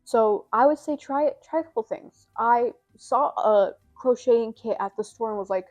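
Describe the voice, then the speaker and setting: Young woman vlogger, casual and rambling, a bit breathless and scratchy, soft music underneath. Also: on the high side, moderate pace. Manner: rambling, filler-heavy, self-deprecating. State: slightly out of breath, scratchy throat. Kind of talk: casual chat to camera.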